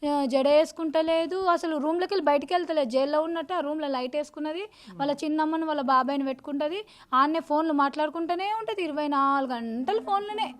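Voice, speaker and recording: A woman, the victim's older sister, telling her story to a reporter in a rapid, urgent, pleading way. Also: high-pitched. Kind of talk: emotional interview testimony.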